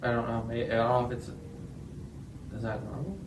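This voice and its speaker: A man's voice: medium pitch, fairly even intonation, a little fast. Man, twenties, podcast co-host, casual chat, hesitant, rambling, joking, faint background noise.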